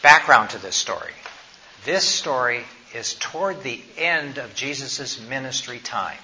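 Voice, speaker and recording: A man's voice: medium pitch, lively intonation, unhurried, sharp tone. A man presenting health education to a group, praying, telling a Bible story, and then quizzing his listeners with questions. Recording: slightly dull recording, faint noise.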